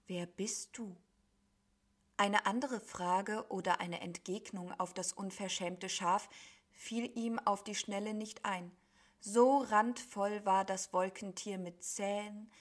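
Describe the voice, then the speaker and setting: A woman reading a storybook tale aloud in a measured, expressive way. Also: mid-range voice. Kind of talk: storybook narration.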